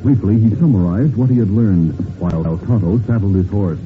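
A man's voice: lowish voice, fairly quick. A man announcing and narrating a western serial in a dramatic, scripted 1940s radio style. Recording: narrow vintage radio, loud music behind.

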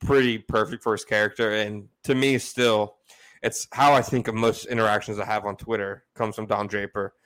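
Low-voiced man in casual podcast chat. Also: flat delivery, moderate pace, a bit bright, low-quality recording. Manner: laughs often while retelling funny scenes. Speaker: podcast co-host.

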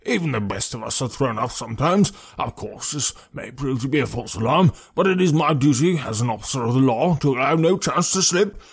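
A man's voice: medium pitch, lively intonation, a little fast, creaky, few pauses, husky. A man voicing a blustering, self-satisfied male police inspector in an audiobook reading. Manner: hearty, pompous, exclaiming.

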